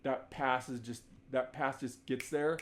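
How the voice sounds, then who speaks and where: A man breaking down basketball game film as a coach, talking conversationally, often restarting sentences and now and then shouting out example calls. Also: mid-range voice, steady tone, a little slow.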